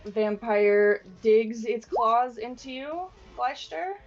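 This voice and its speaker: A woman's voice: fairly high pitch, animated, slow. A woman narrating a tabletop game as game master, chatting casually with the players. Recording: dull lo-fi, faint music behind.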